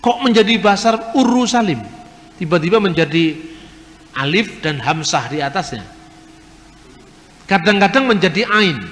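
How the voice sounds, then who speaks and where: A man's voice: sits high, lively intonation, moderate pace, long pauses, fairly bright tone, long reverb tail. A man giving a religious lecture, explaining points step by step and asking rhetorical questions.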